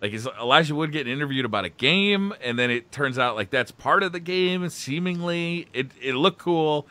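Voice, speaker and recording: A man's voice: a little high, lively intonation, moderate pace, bright, forceful tone, dry recording. A man co-hosting a casual gaming chat show, talking enthusiastically with lots of filler words. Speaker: podcast co-host.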